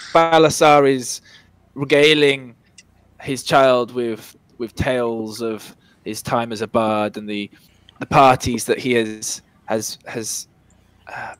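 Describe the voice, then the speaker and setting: A man working as game master, improvising tabletop game narration in a halting, thinking-aloud way. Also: mid-range voice, a bit bright, no echo, low-quality recording.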